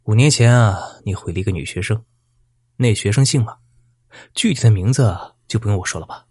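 A man with a husky voice voicing a vicious, vengeful male bandit who taunts his old teacher with menace. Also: on the low side, brisk, a little mellow, no echo, studio quality. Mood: accusing.

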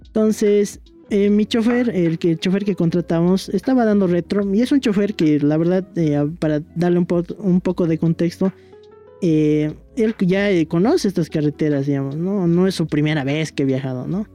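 A man's voice: sits high, moderate pace, dark tone, soft background music. A young man with a Bolivian Spanish accent, telling a personal story in a rambling, casual way, with many fillers and tag questions. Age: young adult. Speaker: young historian guest.

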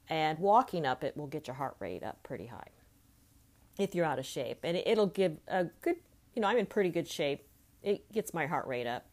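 A woman in her late fifties with a deep voice speaks as a life coach in an informal, reflective motivational podcast monologue, keeping it conversational.

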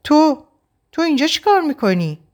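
A woman's voice: fairly low pitch, very animated, fairly bright tone, voice pushed up. A woman voicing a fierce, protective young woman who speaks sharply and defiantly in an audiobook. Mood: hostile.

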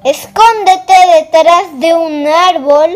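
A man's voice: very high-pitched, slow. A man voicing a know-it-all little red male rabbit who lectures and scolds. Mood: scolding.

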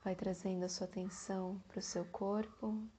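A Brazilian woman guiding a meditation in a soft, soothing, breathy voice with long pauses, like a calm spa session. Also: mid-range voice, a little hiss or hum. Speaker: meditation guide. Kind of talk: guided meditation narration.

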